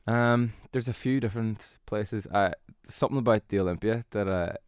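Man, Donegal Irish accent, low pitch, hesitant and modest, casual interview chat, dry close sound. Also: moderate pace, smooth, dry recording. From Donegal, Ireland. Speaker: musician being interviewed.

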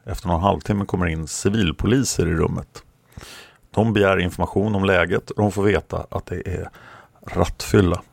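Brief: male narrator reading from a book, low creaky voice, unhurried, dry sound. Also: no echo. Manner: steady, plain, occasional hesitations. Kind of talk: reading aloud from a book with commentary.

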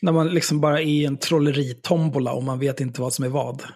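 A man's voice: mid-range voice, flat delivery, darkish tone. A man co-hosting a podcast in casual chat, talking bluntly and sarcastically with some swearing. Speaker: podcast co-host.

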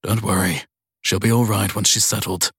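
An unruffled chauffeur, as a male narrator voices him, courteous and steady. The voice is low and strongly husky, recorded dry and close. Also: moderate pace, no echo, exaggerated voice. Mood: calm. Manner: calm and courteous. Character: calm, polite male chauffeur, unflappable.

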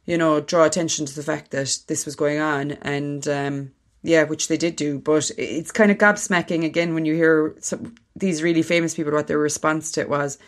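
A woman's voice: low voice, fairly even intonation, normal speed. An Irish woman hosting a podcast, moving between reading prepared notes and casual talk. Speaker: podcast host.

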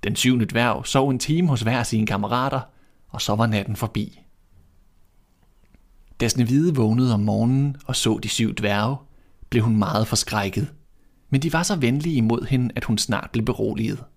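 A man narrating a classic fairy tale in a calm, steady reading voice. His pitch sits in the ordinary middle range for a man. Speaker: reader. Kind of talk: storybook narration.

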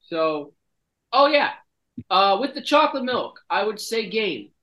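A man hosts a loose podcast chat with friends. He is brash and profane, quick with a joke. He sounds a little queasy throughout. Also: high-pitched, big pitch swings, pushed and bright, poor audio. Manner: swearing, brash and joking. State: feeling sick and nauseous. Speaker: podcast host. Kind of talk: casual chat.

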